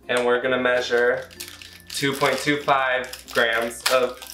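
Speaking slowly in a level, mid-range voice over music, a young American cooking host talks through a recipe at home, tossing in playful jokes at his own expense. The camera mic, a few feet off, catches roomy kitchen echo.

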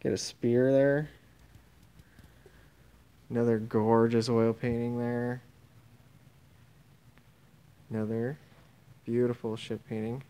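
This man speaks slowly with long pauses, his medium-pitched voice smooth, dark and mostly level in pitch. Recording on a handheld phone as he moves through an indoor warehouse and tent, he names auction items in a relaxed, offhand manner, trailing off mid-phrase.

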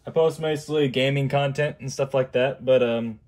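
A man hosting a casual live stream, chatting in a rambling, halting way full of fillers over a video chat mic. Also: mid-range voice, fairly even intonation, darkish tone. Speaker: streamer host. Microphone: video chat computer mic.

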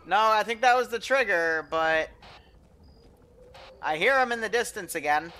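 Male game streamer, high and piercingly bright, sweary tactical callouts over faint background noise. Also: expressive, a little slow. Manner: sweary, military-style callouts. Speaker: streamer playing a co-op shooter. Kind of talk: live gameplay commentary and team callouts.

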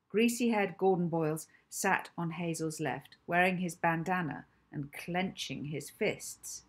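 A woman author reading her children's novel aloud in an expressive, animated storytelling manner. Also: lowish voice, breathy edge. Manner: animated storytelling, acting out lines. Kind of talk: expressive audiobook narration.

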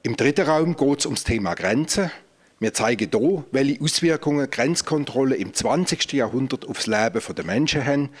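A man's voice: medium pitch, expressive, moderate pace, slightly rough. A man, a museum director explaining exhibits on a guided tour, speaking into a handheld mic in a large exhibition hall. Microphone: handheld microphone.

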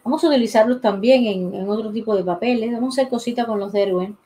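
A drawing teacher streams live, chatting casually as she draws, thinking out loud and greeting viewers by name. Her voice is slightly high, quick and mellow, picked up by a desk mic beside the pencil sharpener, and the audio quality is poor.

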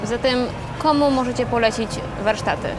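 A woman TV interviewer asking brisk, short questions. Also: a little high, background noise.

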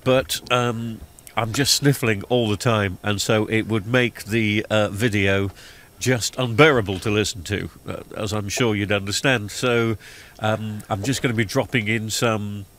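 This TV repair vlogger, a middle-aged man with a cold-clogged nose, speaks in a lowish, slightly bright voice at a measured pace and steady tone. His relaxed voiceover commentary on a TV fix is peppered with ums and uhs. It was captured on a studio microphone in post-production over background music.

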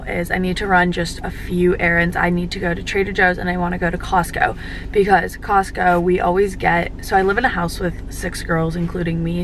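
A woman's voice: fairly low pitch, a bit bright, poor audio. A college woman in her twenties chatting to a camera from her parked car, rambling along with plenty of fillers. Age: 20s. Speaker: college student vlogger. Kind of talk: casual chat to camera. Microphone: camera on dashboard. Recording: car with clear background noise.

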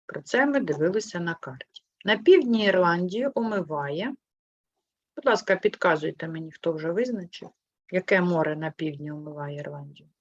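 A woman teaching a primary school class, patient and clear, asking questions and gently correcting her pupils. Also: lively intonation, normal speed, no room sound. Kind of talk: online class lesson. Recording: muffled low-fidelity sound.

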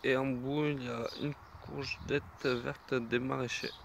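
A man giving a casual tour of his vegetable garden, talking in an unhurried, hesitant way with many fillers. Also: medium pitch, little pitch movement, gravelly, background noise.

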